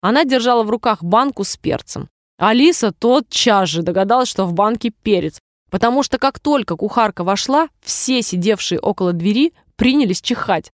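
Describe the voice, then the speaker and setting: A woman's voice: medium pitch, animated, dry recording, clean studio sound. Woman reading a story aloud. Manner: measured, explanatory reading. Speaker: audiobook narrator. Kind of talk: storybook narration.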